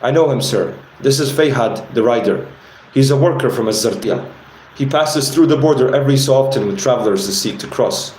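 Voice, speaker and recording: A man's voice: mid-range voice, brisk, a little mellow, roomy sound, slight background noise, close to an everyday voice, low-quality recording. A man reading aloud from his own novel and voicing an earnest, respectful young border guard. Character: loyal, reassuring young male border guard.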